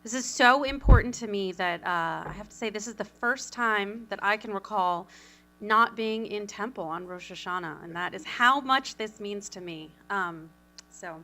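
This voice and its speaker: A woman giving a conference presentation as a communications consultant, talking quickly with lively, self-deprecating asides. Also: medium pitch. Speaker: communications consultant, panel speaker.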